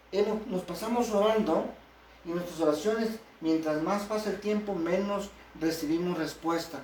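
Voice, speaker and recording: A pastor preaching a sermon in a conversational way, often asking the congregation questions. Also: male voice, high voice, darkish tone. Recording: echoey hall from far off.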